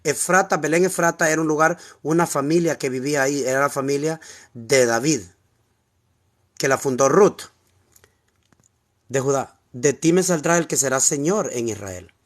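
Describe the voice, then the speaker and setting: Speaking at a normal speed and pausing often, a preacher with a Honduran Spanish accent explains scripture informally in a voice that's a little high. He repeats key words and asks rhetorical questions as he teaches the Bible.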